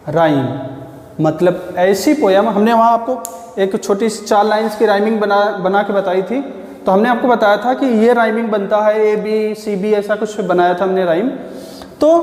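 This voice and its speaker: A man's voice: sits high, darkish tone. A man lectures like a patient schoolteacher, calling his listeners children. He keeps posing a question and then answering it himself. The room is roomy, with a long reverb trailing after his words. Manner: asks the class questions, then answers them. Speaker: teacher. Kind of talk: classroom-style lecture.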